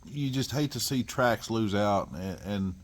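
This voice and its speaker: A man's voice: on the low side, a little slow. A man hosting a casual vlog chat, easygoing and rambling. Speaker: host.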